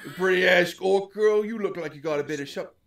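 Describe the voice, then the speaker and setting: A man's voice: sits high, fast talker, a bit bright, pitched above the performer's own voice. A man voicing a leering, crude hobgoblin raider in a tabletop game, with a slangy, taunting drawl. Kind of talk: improvised tabletop role-play.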